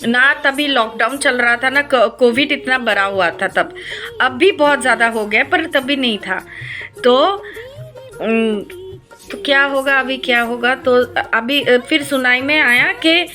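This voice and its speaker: Slow, bright-voiced woman telling a story. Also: high voice, soft background music. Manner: slow, hesitant, with many filler sounds and English words mixed in. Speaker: devotional vlogger. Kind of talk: personal storytelling to viewers.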